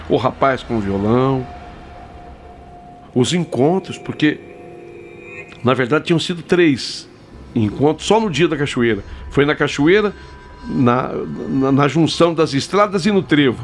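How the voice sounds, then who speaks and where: A man narrates a spooky first-person story in a fairly high voice that swings widely in pitch. He builds suspense with frequent pauses. Clear music plays beneath his telling. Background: background music.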